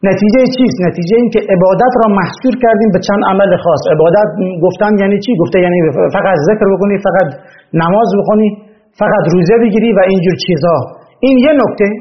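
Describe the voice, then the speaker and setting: A man giving a religious lecture, arguing with rising emphasis as he presses each point. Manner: impassioned, rising in pitch when stressing points. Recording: dull lo-fi recording with faint noise.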